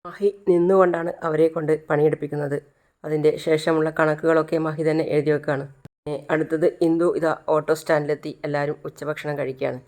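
Female narrator, lowish voice, steady serial-recap storytelling. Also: fast. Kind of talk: retelling a TV serial episode.

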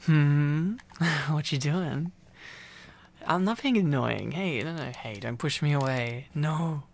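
With a fairly high, gravelly voice, a young man animatedly acts out a boyfriend ASMR roleplay. He's clingy, teasing and silly, rambling playfully with halting repetitions.

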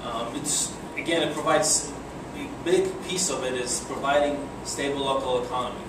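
In an echoey conference room with humming air conditioning and a distant mic, a young Polish-accented man speaks to a seated breakfast-meeting audience as a guest. His medium-pitched voice keeps a moderate pace, and his casual presentation is hesitant, riddled with fillers and restarts.

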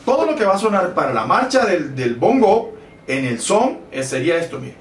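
A man's voice: high-pitched, big pitch swings, a little fast, slight background noise. A man teaching bongo technique, patiently counting beats aloud and correcting himself as he demonstrates. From Colombia. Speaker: bongo instructor. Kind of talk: music lesson with demonstrations. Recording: roomy, mic at a distance, loud drumming. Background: bongo drumming.

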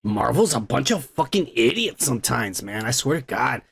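A man's voice: mid-range voice, sing-song, normal speed, gravelly, husky. A young man hosting a casual livestream in a rambling, profane, slangy way, on a heavily compressed microphone. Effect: heavily compressed microphone sound. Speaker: livestream host. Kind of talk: casual livestream chat, reading comments. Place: indoor streaming room at home. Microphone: close streaming microphone with compressor.

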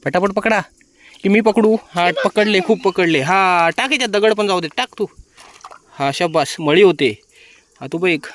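A man's voice: sits high, moderate pace, fairly bright tone, a little hiss or hum. A man vlogging outdoors by a stream pool, cheerfully urging children on as they catch fish. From Konkan, India. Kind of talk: casual outdoor vlog narration.

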